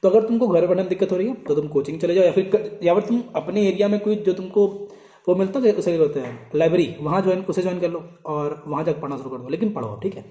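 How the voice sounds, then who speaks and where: A man's voice: high voice, fast talker, dark tone, roomy sound. A young man who teaches at a coaching institute gives students informal, scolding study advice and repeats his points to drive them home.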